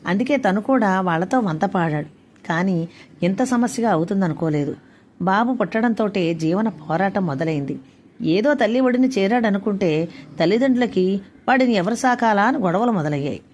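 A woman's voice: medium pitch, darkish tone, slight background noise. Woman author reading her own story. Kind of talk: storytelling narration.

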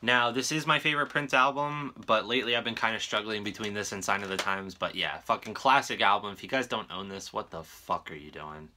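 Indoors in a small home room, a young adult vlogger shows his music collection to camera, casual and swearing freely. He speaks on the low side, fairly quickly with few pauses, in a pushed, bright voice, with a little hiss or hum in the recording.

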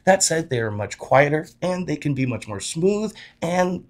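A young man hosts an off-road suspension explainer in a lively, animated delivery. He gestures freely with both hands as he talks. He is recorded cleanly on a dark studio set. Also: on the high side, normal speed. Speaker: host of a shock product explainer. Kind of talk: energetic product explainer.

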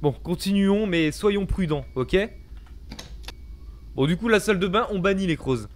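Young man, panicky horror gamer; high voice, big swings in pitch, jumpy and foul-mouthed, close mic. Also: animated, measured pace. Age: young adult. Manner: panicky, jumpy, swearing, bursts into yelps. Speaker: gamer commentating a horror game. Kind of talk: excited gameplay commentary. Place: small home gaming room, indoors. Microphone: close desk microphone, headset on.

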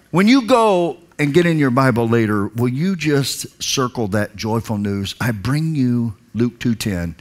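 Standing on a large indoor stage with a headset mic, a pastor in his forties preaches a sermon at medium pitch, moving from hushed, quiet lines to loud, emphatic calls to the congregation.

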